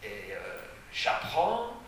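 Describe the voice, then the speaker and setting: A man telling a theatre anecdote, halting with many repeated words and fillers. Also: lowish voice, wildly swooping pitch, a bit bright. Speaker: theatre director. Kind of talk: storytelling anecdote. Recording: echoey distant room with noise.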